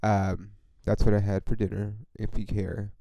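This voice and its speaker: A man's voice: fairly low pitch, flat delivery, normal speed, creaky, dark tone, dry recording, rough recording. A man hosting a casual solo sports podcast, rambling and swearing with lots of fillers as a frustrated fan. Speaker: podcast host.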